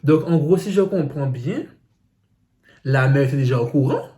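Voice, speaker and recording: A man's voice: medium pitch, expressive, moderate pace, mellow. A man reading out viewer secrets on his phone and reacting to them with teasing asides. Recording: roomy echo.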